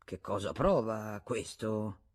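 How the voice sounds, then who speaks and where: A man's voice: takes it slowly, slightly rough. A woman reading an audiobook, voicing a blustering husband who is caught lying and covers it with forced cheer. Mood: stalling. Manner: agitated, evasive, bursts of pitch.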